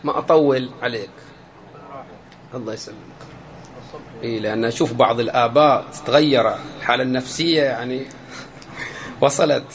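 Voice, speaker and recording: A man preaching a lively sermon to a congregation. He jokes, speaks to his listeners directly and acts out the exchanges he quotes. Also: medium pitch, a little fast, pauses often, slight background noise.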